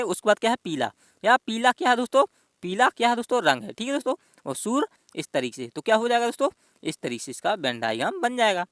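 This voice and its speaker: A man's voice: sits high, fairly bright tone, no echo. Male exam tutor, bouncy rhetorical questioning style, dry close sound. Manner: addresses viewers as friends constantly, repeats questions to himself. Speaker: exam-prep reasoning teacher. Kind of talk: step-by-step exam lesson.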